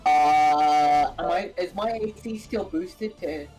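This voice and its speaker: A woman with a fairly low voice plays her character in a tabletop session. She double-checks the rules and second-guesses herself in a relaxed, chatty way. Soft music sits in the background. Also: slow pace, low-quality recording. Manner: unsure, asks rule questions, self-correcting. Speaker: player. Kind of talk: casual chat at the gaming table.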